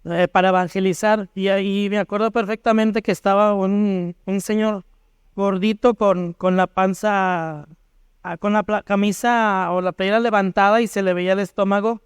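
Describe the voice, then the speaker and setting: A man's voice: high-pitched, normal speed, clean tone, no room sound. Mexican guy sharing his testimony at church, acts out the dialogue, dry close sound. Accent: Mexican Spanish. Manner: lively storyteller acting out remembered dialogue. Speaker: church panelist. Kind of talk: personal testimony at church panel.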